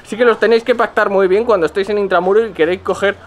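High-voiced Spanish man vlogging outdoors. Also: steady tone, rapid-fire, a little hiss or hum. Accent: Spain Spanish. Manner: blunt, joking, swears casually. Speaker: travel vlogger. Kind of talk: casual travel tips to camera. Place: narrow outdoor city alleys. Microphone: handheld camera at arm's length.

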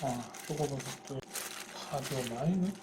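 A young woman filming her mother cooking at home, asking chatty questions and murmuring soft agreement. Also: extremely low pitch, a little slow, background noise. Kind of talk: casual cooking chat. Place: home kitchen.

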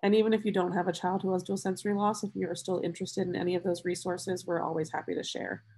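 Fast-talking nasal woman presenter. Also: fairly low pitch, flat delivery, mellow, husky. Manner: quick, friendly, uses y'all. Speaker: webinar presenter. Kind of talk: fast-paced webinar wrap-up. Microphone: video call.

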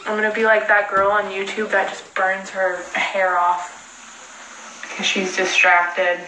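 A woman's voice: medium pitch, monotone, unhurried, bright, forceful tone, slight background noise. A young woman hosting a casual livestream from home, chatting in a rambling, self-mocking way while talking on a phone. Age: young adult. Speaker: livestream host. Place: indoors at home. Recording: echoey room.

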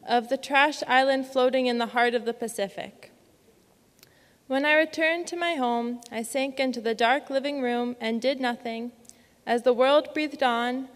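A young woman in her twenties reading a prepared award acceptance speech from a podium microphone, earnest, measured and lyrical. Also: on the high side. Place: large dark auditorium stage. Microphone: podium microphone on a stand. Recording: long hall reverb from the auditorium.

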